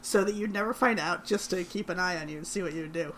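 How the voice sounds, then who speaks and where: A woman's voice: on the low side, fast talker, a bit bright. A woman co-hosting a podcast, chatting casually and bantering. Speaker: podcast co-host.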